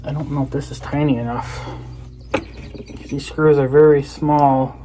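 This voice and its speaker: His voice sits on the high side yet sounds dark, with little pitch movement and a measured pace. A video creator, he rambles casually to viewers while presenting an item, often trailing off partway through sentences. There's clear background noise in the recording.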